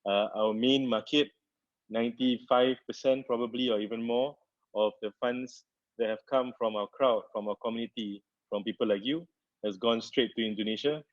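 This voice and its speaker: A man from Singapore, presenting a webinar from his home, speaking haltingly with many "uh" fillers and restarts. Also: mid-range voice, no room sound. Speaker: company founder presenting a webinar. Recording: dull, dry webinar audio.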